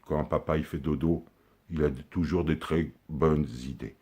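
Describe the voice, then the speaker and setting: Deep-voiced man rambling crude jokes. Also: fairly even intonation, moderate pace, warm tone, slightly rough. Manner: rambling, crude, jokey, confiding. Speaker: comic character sending a video message to his daughter. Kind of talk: rambling comic monologue. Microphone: handheld camera close up.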